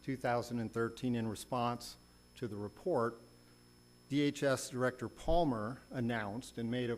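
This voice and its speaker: A man's voice: mid-range voice, a little mellow. A man speaking as a lawyer, presenting a formal oral argument in a courtroom. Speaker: lawyer arguing an appeal. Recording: faint hum and background noise.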